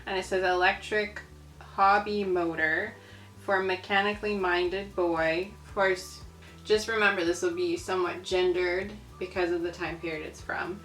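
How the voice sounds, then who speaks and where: A woman with a lowish voice and a sharp tone hosts a casual video, chatting and marvelling as she reads aloud from old newspapers. The room has a roomy echo, with faint music in the background.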